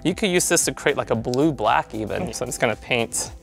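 A man's voice: mid-range voice, lively intonation, a little fast, creaky, fairly bright tone, faint music behind. Chatty man teaching hair color. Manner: chatty, checks in with "right?" and "you guys". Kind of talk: salon hair-color tutorial.

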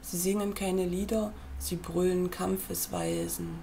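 A woman reads a book aloud in a gravelly, fry-edged voice. Her delivery is measured and earnest, and she seems to speak straight to the listener. She is reading from a screen at her computer. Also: on the low side, fairly even intonation, mellow, a little hiss or hum. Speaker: reader.

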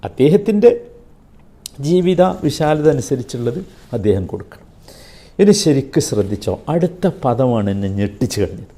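A man teaching a Quran commentary class, keeps asking his listeners rhetorical questions and recites Arabic slowly and carefully. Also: mid-range voice, very animated, mellow.

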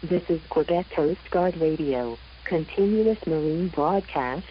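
A woman reading a marine weather forecast in a measured, even announcer delivery over a VHF marine radio broadcast. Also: deep voice, dull audio, a little hiss or hum.

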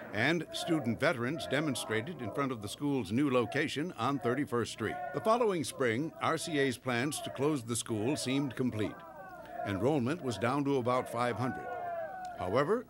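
A man narrating a documentary in a measured, formal scripted read. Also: mid-range voice, background noise. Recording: narration over clear music.

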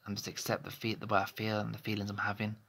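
A man in his thirties, phone close to his face in a small bedroom, delivers a candid personal vlog that's hesitant, rambling, and full of restarts. He talks quickly in a completely flat, lowish voice with vocal fry and a fairly bright tone.

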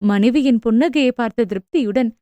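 A woman narrating a novel as an audiobook in a steady, expressive storytelling voice, close to the mic. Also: fairly high pitch, moderate pace, dry recording. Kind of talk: scripted narration.

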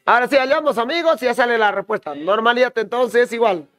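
A man's voice: very high-pitched, fast talker, fairly bright tone, no echo. A man with a Peruvian Spanish accent teaching chemistry in a class, working through problems while joking with and teasing his students. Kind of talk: online class lecture.

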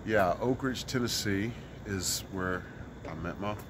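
Middle-aged man from Mississippi, street musician, earnest and rambling; outdoor city park recording with clear street noise. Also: fairly low pitch, a little slow. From Mississippi, US South. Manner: earnest, rambling, many fillers. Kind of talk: casual street interview.

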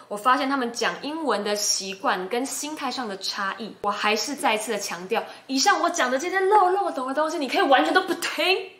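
A woman's voice: fairly high pitch, pushed and bright. A woman from Taiwan with a Taiwanese Mandarin accent, talking casually and emphatically to camera as a YouTuber and English host. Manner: emphatic, chatty, encouraging. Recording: roomy echo.

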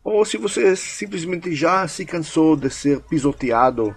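A man's voice: on the high side, expressive, a little slow, vocal fry, breathy edge. A man teaching a course, speaking emphatically in a coaching manner and acting out short example dialogues. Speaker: language course instructor. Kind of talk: instructional talk.

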